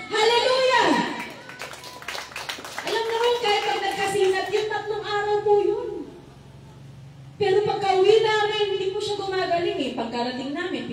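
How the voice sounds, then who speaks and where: A young woman gives a church testimony and preaches in a church hall, calling out amen to the congregation in preacherly call-and-response. Her voice is very high-pitched, with a little hiss or hum, and the hall echoes as she's recorded from far away.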